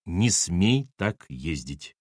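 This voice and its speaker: A man's voice: medium pitch, big pitch swings, brisk, dry recording, clean studio sound. A man voicing an irritated, snapping woman in an audiobook reading. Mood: scolding. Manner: snapping, exasperated. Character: sharp irritated woman, ex-wife.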